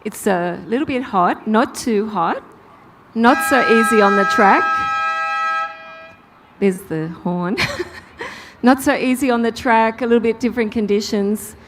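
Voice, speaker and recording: A woman's voice: on the high side, unhurried, pauses often, noisy background. A woman doing chatty, upbeat live interviews out on a race track grid. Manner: chatty, upbeat, talks over the crowd. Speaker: grid reporter.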